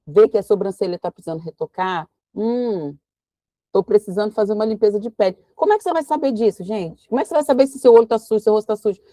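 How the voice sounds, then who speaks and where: A woman leading a devotional Bible study. She reads scripture slowly and explains it in a lively, conversational preaching tone. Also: mid-range voice, no room sound.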